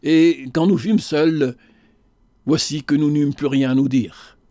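A man reading a literary novel aloud in the first person, in a measured, unhurried manner. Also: a little high, steady tone, dark tone, no echo, clean studio sound. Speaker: narrator.

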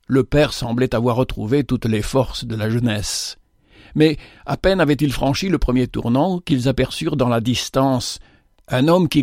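A man reading a storybook aloud in calm, measured narration. His voice sits at a middle pitch, and the sound is close and dry, with no room around it. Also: no echo.

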